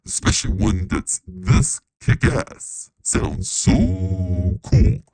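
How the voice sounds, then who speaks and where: A man hosting a casual software demo, talking through a frequency shifter that gives his voice a metallic, spiralling pitch. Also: fairly even intonation, extremely slow, gravelly, no room sound. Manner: casual and enthusiastic. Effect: frequency shifter giving a metallic, spiralling pitch. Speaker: host of a music software tutorial.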